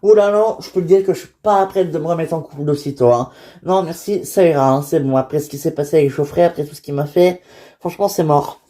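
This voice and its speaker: Young woman fresh out of prison, voiced by a woman, low, mellow, halting delivery. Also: lightly acted. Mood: adamant. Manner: hesitant, halting speech. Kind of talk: homemade toy-figure drama.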